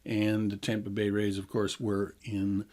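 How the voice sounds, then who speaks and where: This man in his sixties hosts a health radio show, explaining things in a chatty, easygoing way with an occasional laugh. His voice sits lowish and darkish, delivered in an unhurried monotone that suits casual radio talk.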